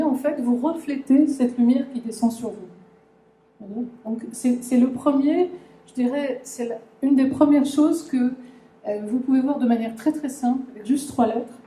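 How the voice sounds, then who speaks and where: A woman's voice: sits high, warm tone. A woman giving a conference lecture, talking to the audience with many fillers and restarts. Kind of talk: conference talk explaining a language. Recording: echoey lecture room.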